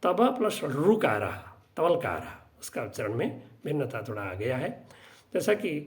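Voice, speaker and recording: A middle-aged man teaching Sanskrit grammar, spelling out each word slowly and deliberately, with frequent filler pauses. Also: medium pitch, very animated. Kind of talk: slow, drawn-out lesson explanation with many pauses.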